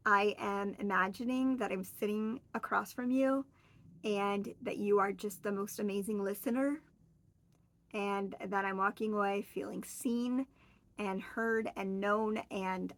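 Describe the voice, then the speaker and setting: A friendly Oregon vlogger in her forties chats alone to the camera, rambling along with fillers and self-corrections. Her voice is medium-pitched, steady and fairly bright, and she keeps a measured pace.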